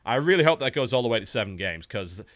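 A British man hosting an esports show, wrapping up a match with energetic, quick-fire commentary. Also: medium pitch. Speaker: esports caster and show host. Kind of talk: post-match commentary wrap-up.

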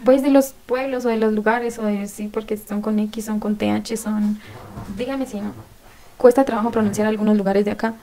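A woman's voice: mid-range voice, steady tone, moderate pace, dark tone. A young woman from Colombia with a Colombian accent, chatting casually as an exchange-student guest in an interview. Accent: Colombian, not paisa. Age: young adult.

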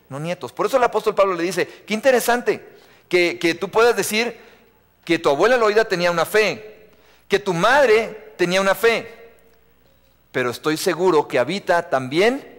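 Emphatic preacher in a reverberant church. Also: male voice, a little high, a bit bright. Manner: emphatic preaching with repeated refrains and questions to the audience. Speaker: youth preacher. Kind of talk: live sermon to young people. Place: church sanctuary. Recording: long reverb of a church hall.

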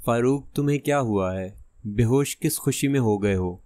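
A man's voice: medium pitch, mellow, no room sound, clean studio sound, lightly acted. A man voicing a brave teenage boy detective in an audiobook, with wry, mocking remarks.

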